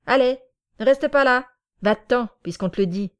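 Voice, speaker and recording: A woman's voice: on the high side, moderate pace, clear, resonant tone, pitched above the performer's own voice, natural voice. Woman doing a furious young village man. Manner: shouting, accusing. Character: angry young village man, harsh and threatening.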